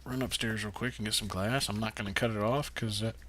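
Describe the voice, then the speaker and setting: A man's voice: fairly low pitch, fairly even intonation, brisk, background noise. A man casually commenting on his game as he plays, rambling with many fillers and talking to himself. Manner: rambling, lots of uh fillers, talks to himself while playing. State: hiccups. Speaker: gaming channel host. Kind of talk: casual let's-play commentary.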